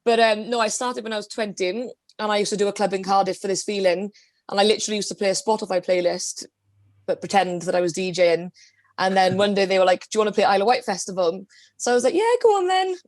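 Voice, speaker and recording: A Welsh DJ in her twenties from the Valleys chats on a video call interview from a small room at home, telling anecdotes casually in her local accent. She talks fast in a steady, medium-pitched voice, and the recording is dry.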